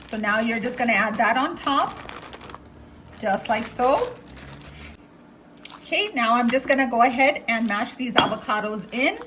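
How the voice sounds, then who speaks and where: A woman's voice: on the high side, measured pace, long pauses, fairly bright tone, slight background noise. A woman filming a casual cooking demo in her home kitchen, chatting and explaining each step to her viewers. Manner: chatty, instructive, talks to viewers. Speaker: cooking vlogger.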